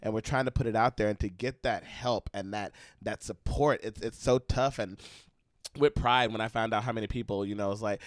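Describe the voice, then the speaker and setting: A man's voice: fairly low pitch, fairly even intonation, a little fast, no echo, clean studio sound. A man hosting a podcast in casual chat, joking and rambling with many fillers. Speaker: podcast host.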